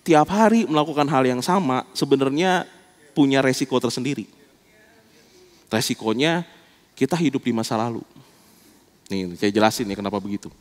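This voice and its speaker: A male pastor giving a sermon in an animated, casual storytelling way. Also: medium pitch, normal speed, pauses often, long reverb tail. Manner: animated, colloquial storytelling preaching.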